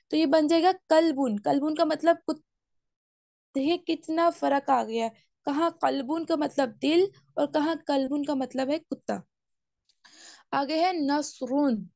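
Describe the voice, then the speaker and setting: A woman teaching a Quran course class, explaining step by step and slowly reciting Arabic phrases. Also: sits high, creaky, a little mellow, no room sound. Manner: explains step by step, asks class to raise hands. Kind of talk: online class lesson.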